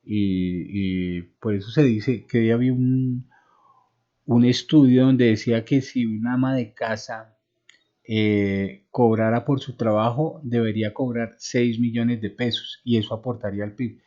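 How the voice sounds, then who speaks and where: A man's voice: medium pitch, steady tone, a little slow, dark tone. A middle-aged man giving an online lecture, explaining with homely examples and many "eh" fillers. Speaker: university lecturer. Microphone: online video call. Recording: dull lo-fi call audio.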